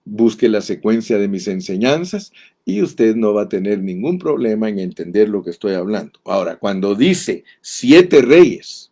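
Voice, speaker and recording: Slow, deep-voiced male preacher. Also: warm tone. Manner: slow, deliberate, reads verses aloud emphatically; addresses listeners directly. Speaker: pastor. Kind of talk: expository Bible teaching.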